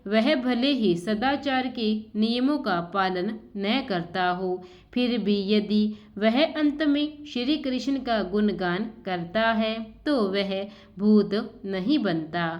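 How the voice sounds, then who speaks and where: A woman slowly reading out a devotional scripture story in an even, recited manner. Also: medium pitch, dull audio. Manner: slow, even recitation of sacred text. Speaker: scripture reader.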